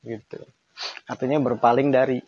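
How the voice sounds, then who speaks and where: A man's voice: medium pitch, level tone, moderate pace, no echo, muffled recording. A man giving a conversational online lesson on Quran grammar, emphatic and acting out intonation examples.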